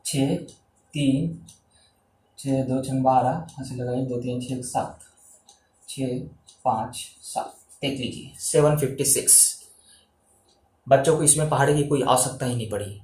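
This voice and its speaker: A man's voice: mid-range voice, fairly even intonation, a little slow, pauses often, a little mellow, echoey room, poor audio. A man teaching a maths lesson in Hindi, counting aloud step by step as he draws lines and encouraging the viewers.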